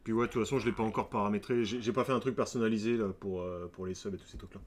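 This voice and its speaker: A man's voice: on the low side, fairly even intonation, racing. A man streaming a strategy game, chatting casually and joking with his viewers. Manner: chatty, joking asides to chat. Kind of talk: casual live-stream commentary.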